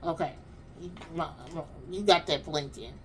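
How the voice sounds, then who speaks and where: A woman hosting her own vlog, telling a story in an animated, chatty way and talking straight to her audience. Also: sits low, normal speed, slight background noise. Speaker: vlog host. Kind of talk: casual storytelling to viewers.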